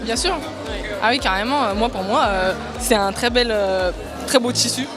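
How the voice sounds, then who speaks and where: A woman's voice: on the high side, moderate pace. A woman model at a fashion show, speaking cheerfully and enthusiastically. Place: outdoor fashion event. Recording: music and crowd behind.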